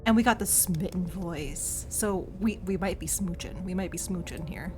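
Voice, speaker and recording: A woman's voice: lowish voice, normal speed. A woman doing casual, playful commentary as she streams a game, chatting and reacting aloud. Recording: faint music behind the voice.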